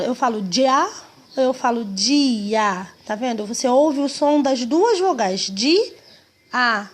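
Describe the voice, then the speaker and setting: Patient woman teaching children. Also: fairly high pitch. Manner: patient, stretches words and syllables for children. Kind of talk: children's lesson.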